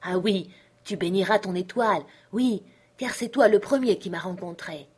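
A woman's voice: mid-range voice, moderate pace, darkish tone, husky, close to an everyday voice. A woman voicing a ragged, half-mad male castaway who talks in eager, rambling bursts. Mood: excited.

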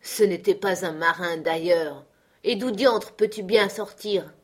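A woman reading the part of a wounded, surly old pirate sailor in an audiobook, in a gruff, grumbling manner. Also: fairly low pitch, unhurried.

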